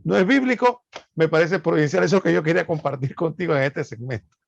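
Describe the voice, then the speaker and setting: Man in his 50s, co-host; high, gravelly voice, halting fillers, dry close sound. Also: dry recording, lo-fi sound. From Panama. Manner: conversational, hesitant with many "eh" fillers. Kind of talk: casual chat.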